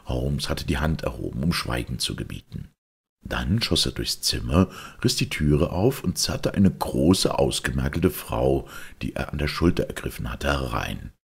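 A man narrating an audiobook in a very low, gravelly voice with a raspy grain. His reading rises and falls expressively as he carries the scene. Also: animated, a little slow. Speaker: audiobook reader. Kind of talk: scripted narration.

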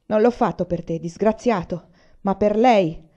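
A woman reading the lines of a gruff, burly young man in a curt, louder voice, in a dull lo-fi recording. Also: mid-range voice, unhurried, natural voice. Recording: dull lo-fi audio.

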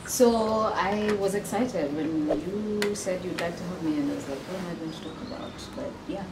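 A woman in her thirties from Uganda, a guest telling her life story in a relaxed, chatty way. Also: fairly low pitch, moderate pace. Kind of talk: casual interview conversation. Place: outdoor garden patio. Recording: echoey with clear background noise.

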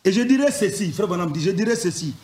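High-voiced man quoting in an echoey room. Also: animated, fast, a little mellow, a little hiss or hum. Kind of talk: reading and paraphrasing sermon quotations.

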